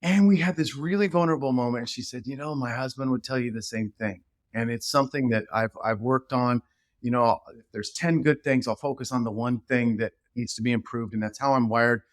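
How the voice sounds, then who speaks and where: A middle-aged man, a leadership expert guesting on a podcast, telling stories in an animated, rambling way with many restarts. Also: mid-range voice, fairly quick, no room sound, clean studio sound. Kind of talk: casual podcast conversation.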